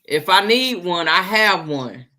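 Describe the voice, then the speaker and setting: A woman in her seventies chatting casually as a guest, animated and quick to exclaim and laugh. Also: fairly low pitch, slight background noise. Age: 70s. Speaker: guest caller on a live chat. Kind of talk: casual chat.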